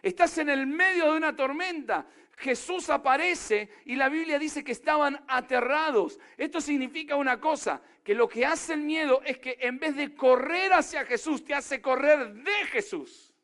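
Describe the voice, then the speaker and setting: A man's voice: very high voice, moderate pace, hardly any pauses, fairly bright tone. A man preaching a sermon in an Argentine accent, emphatic and constantly throwing questions at the congregation. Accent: Argentine Spanish. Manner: emphatic, peppers talk with rhetorical questions to the crowd. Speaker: pastor.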